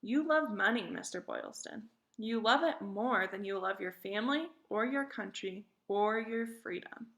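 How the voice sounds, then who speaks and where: A woman's voice: medium pitch, measured pace, a bit bright. A woman reading the part of a determined colonial woman activist in a classroom play, firm and threatening.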